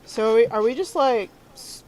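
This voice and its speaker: A woman's voice: fairly high pitch, normal speed, darkish tone, rough recording. A woman playing a tabletop game, casually chatting and questioning her group's plans. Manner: quizzical, keeps asking questions. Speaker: player.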